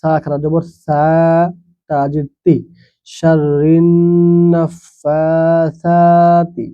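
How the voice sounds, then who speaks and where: Male Quran reading teacher, fairly high voice, very slow, deliberate letter-by-letter drilling, muffled lo-fi recording. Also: flat delivery. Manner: spells out each letter and vowel mark, then blends the syllables; plain explanatory asides between the drills.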